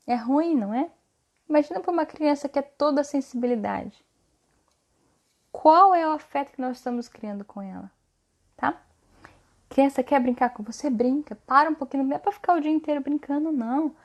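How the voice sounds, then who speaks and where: Mom on a live stream, pretty high voice, earnest coaching, keeps saying tá?. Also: female voice, moderate pace. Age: adult mother. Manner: ends phrases with a questioning "tá?". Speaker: live-stream host advising mothers. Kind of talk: casual live-stream talk.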